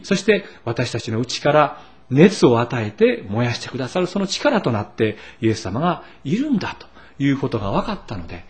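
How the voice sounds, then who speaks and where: A middle-aged Japanese man preaching a sermon as pastor, telling stories with asides and asking the congregation questions. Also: medium pitch. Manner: animated storytelling with asides and rhetorical questions.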